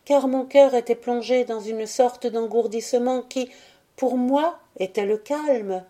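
Woman reading as a young grieving girl, tender, pleading, raised voice, soft mellow tone, audiobook. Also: on the high side, steady tone, unhurried, pitched above the performer's own voice, lightly acted. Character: young woman, gentle, sorrowful, poisoned girl.

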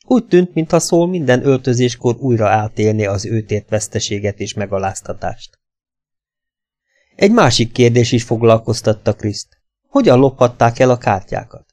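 Guy reading an audiobook, steady and measured, ordinary mid pitch. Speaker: audiobook narrator. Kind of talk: scripted audiobook narration.

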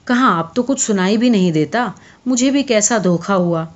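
A woman's voice: mid-range voice, lively intonation, lightly acted. A woman reading as a worn-out peasant farmer. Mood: weary. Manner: weary, grumbling, then shouting. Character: worn-out poor male farmer on a cold night. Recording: dull lo-fi audio.

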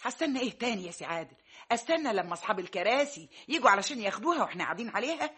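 A woman's voice: lowish voice, expressive, quick pace, a bit bright, breathy edge. Huffy Egyptian mother. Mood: indignant. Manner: indignant, sarcastic. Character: proud, easily offended middle-aged mother.

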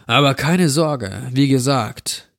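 A man reading a horror story gives a slow, mocking drawl to a dirty, menacing stranger who grants children's wishes. His mid-range voice has a creaky quality.

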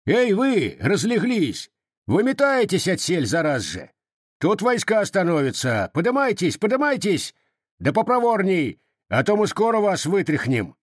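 A man reading the part of a rough Cossack soldier who bullies and shouts in a raised voice. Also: high voice, big pitch swings, normal speed, hardly any pauses, no room sound, studio quality, voice pushed up. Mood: bullying. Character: rough frozen Cossack soldier, loud and bullying.

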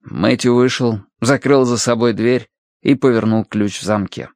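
A male audiobook narrator with a mid-range voice reads in a measured, steady way. He paces his sentences with deliberate pauses. The recording is dry and close, with no room sound. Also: mid-range voice, no echo. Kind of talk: scripted narration.

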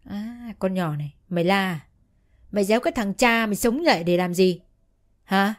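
A woman's voice: medium pitch, animated, moderate pace, lightly acted. A woman voicing a drunk, bullying middle-aged stepfather who scolds in a slurred drunken voice. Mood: drunken rage.

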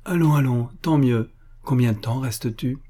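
A man's voice: medium pitch, moderate pace, warm tone, close to an everyday voice. A man reading aloud, voicing an elderly country widow who fusses and dotes on her son in a raised voice. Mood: fussy, overjoyed. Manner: fussy, affectionate exclamations. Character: elderly Russian country widow, doting mother.

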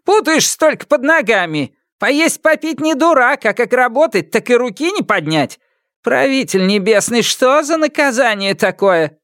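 A man's voice: very high-pitched, big pitch swings, normal speed, fairly bright tone, no room sound, clean studio sound, voice pushed up, heavily acted. A man voicing a domineering old peasant matriarch who scolds and commands sharply. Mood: scolding.

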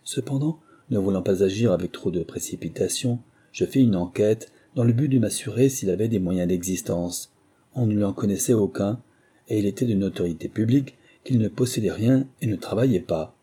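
A man with a French accent reading a memoir aloud in a measured, literary first-person style. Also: fairly low pitch, dark tone, breathy edge. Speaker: audiobook narrator. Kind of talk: scripted first-person narration.

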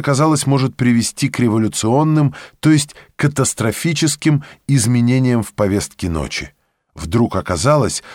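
A man reading an audiobook in an expressive storytelling way. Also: mid-range voice, no room sound, clean studio sound. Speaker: narrator. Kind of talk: audiobook narration.

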